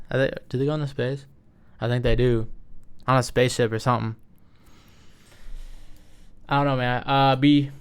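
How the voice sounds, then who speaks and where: Sorting films into tiers for his video, this young man chats loosely, drifting, interrupting himself and dropping slang along the way. He has a smooth voice of medium pitch.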